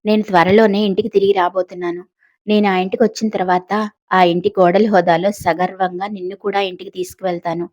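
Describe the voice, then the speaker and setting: A woman voicing a gentle, fatherly elderly man who reassures his daughter-in-law, in a Telugu audio story. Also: high voice, level tone, brisk, no echo, close to an everyday voice. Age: older.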